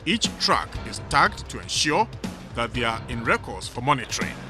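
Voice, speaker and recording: Lively male documentary narrator. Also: medium pitch, normal speed. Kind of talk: scripted narration. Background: music bed.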